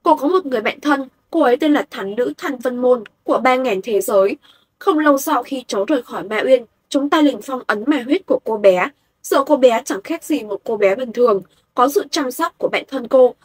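A woman reading a gentle caring aunt. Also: high voice, lively intonation, fairly quick, slightly rough.

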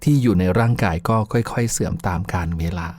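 A man's voice: on the low side, fast talker, a little mellow, no echo. A man hosting a radio show, telling folksy childhood stories in a chatty way and laughing often. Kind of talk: folksy storytelling. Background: faint music.

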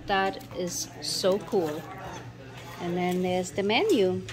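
In a crowded indoor pub restaurant, a vlogger and mom narrates a casual family video on her phone, enthusing over all she sees. She speaks slowly in a lowish voice while pub chatter hums around her.

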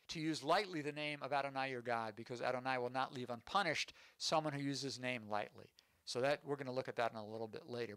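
A man's voice: medium pitch, sharp tone, clean tone, dry recording. A man preaching as a rabbi, explaining scripture with rhetorical questions to his congregation. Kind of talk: sermon. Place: congregation sanctuary.

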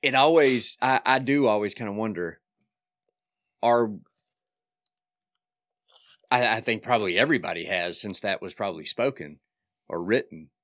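Low-voiced man in his forties. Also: normal speed, long pauses, a bit bright, no echo. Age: 40s. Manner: hedging, restarts sentences. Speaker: podcast co-host. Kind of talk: casual chat.

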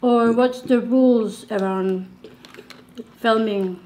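A woman's voice: fairly high pitch, fairly even intonation, slow pace, a little mellow, slight background noise. A woman from the Philippines chatting casually while tasting food on a vlog and retelling what happened to her. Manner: chatty, retells stories with mimicked voices. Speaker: food vlogger.

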